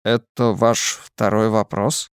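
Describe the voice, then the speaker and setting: A man voicing a mysterious masked man who hides in darkness, speaking slowly, quietly and evenly. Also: on the low side, level tone, clean tone, no room sound, clean studio sound. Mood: calm. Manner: slow, quiet, measured.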